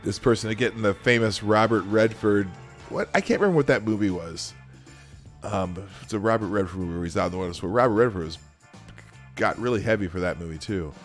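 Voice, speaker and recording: With background music playing under him, a man hosts a casual livestream and reads comments aloud in a rambling, self-correcting way, chuckling as he goes. His voice is lowish and a little fast.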